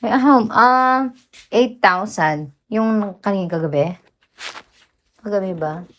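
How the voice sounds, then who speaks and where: A woman's voice: mid-range voice, slow pace, lo-fi sound. A woman, hosting a casual livestream and chatting and teasing her viewers. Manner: chatty, teasing, breaks into soft singing. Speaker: livestream host. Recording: loud background noise.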